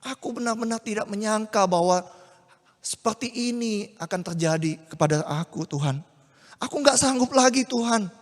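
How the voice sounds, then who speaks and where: A man voicing a distressed young woman who speaks in a soft, hushed way. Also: high voice, moderate pace, pitched above the performer's own voice, natural voice. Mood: tearful prayer. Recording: long hall reverb.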